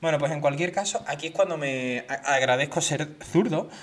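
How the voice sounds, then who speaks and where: A man's voice: on the high side, brisk. A man co-hosting a podcast, telling a story in casual chat and acting out the voices of the people in it. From Spain. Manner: animated, acts out quoted voices. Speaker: podcast co-host.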